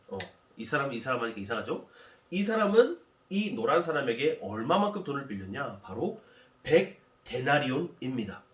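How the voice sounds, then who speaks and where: Animated man telling a story. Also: on the high side. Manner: animated, explanatory. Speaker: pastor. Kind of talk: children's sermon storytelling. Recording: echoey room from far off.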